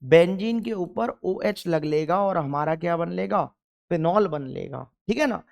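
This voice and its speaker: A man's voice: sits high, a little slow, vocal fry, a little mellow. A young man teaching chemistry in an exam-focused lecture, emphatic, repeating key points and firing questions at the class.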